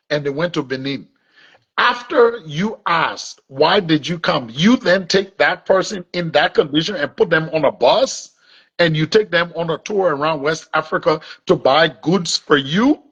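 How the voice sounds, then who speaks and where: A man's voice: on the high side, a bit bright, slightly rough. A man from Liberia with a Liberian accent, answering an interviewer's questions. He restarts often and repeats words as he builds his case. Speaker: interview guest. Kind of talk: remote interview, defending his account. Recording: dull lo-fi audio.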